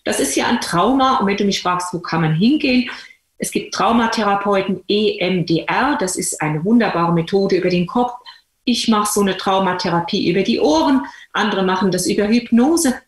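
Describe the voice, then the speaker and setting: A woman's voice: medium pitch, animated, normal speed. Emphatic woman telling stories, roomy echo. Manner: colloquial, emphatic, addresses listeners directly. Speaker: doctor and speaker. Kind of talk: lively storytelling talk to an audience.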